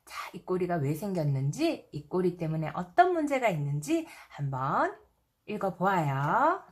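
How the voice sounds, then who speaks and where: A woman's voice: on the low side, very animated, a little slow. A woman storyteller reading a picture book to toddlers, talking to them with simple questions and exclamations. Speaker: storyteller mom reading picture books to children. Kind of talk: reading a picture book aloud to young children.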